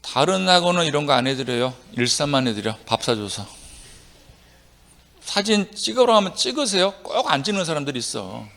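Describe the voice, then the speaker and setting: A middle-aged male lecturer teaches a live class, drilling his students and having them recite each rule back to him. His pitch swings widely from line to line, and his voice has a gravelly edge. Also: normal speed. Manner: animated, jumps between loud and quiet. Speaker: tax law lecturer.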